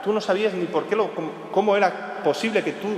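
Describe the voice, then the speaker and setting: Emphatic priest preaching in an echoey church. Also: male voice, fast. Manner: emphatic, swinging between raised urgent phrases and low quiet ones; preaches in short repeated clauses addressed to the listener. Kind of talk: weekday homily. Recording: echoey church hall with long reverb.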